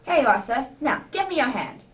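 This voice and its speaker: A woman plays a jovial, easily flustered gentleman doctor in a radio play. The voice sits fairly high and swings widely, full of polite exclamations. It is picked up at some distance from the mic. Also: big pitch swings, a little fast. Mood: excited. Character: jovial, flustered male doctor in a Santa suit. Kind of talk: amateur radio drama acting.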